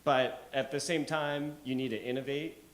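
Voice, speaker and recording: A man's voice: mid-range voice, fairly even intonation, normal speed. A man, a student in the program, asking a question at a talk with a friendly, joking manner.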